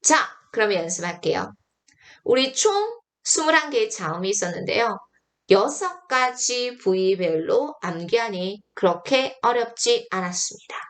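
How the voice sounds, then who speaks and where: A woman's voice: fairly high pitch, very animated, unhurried, fairly bright tone. A young woman teaching pronunciation in an online lesson, drilling syllables one by one and correcting mistakes emphatically.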